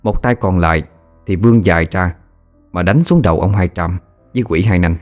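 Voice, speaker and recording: A man's voice: deep voice, normal speed, a little mellow, soft background music. A man narrating a ghost story in a dramatic, vivid way. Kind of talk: scripted horror story narration.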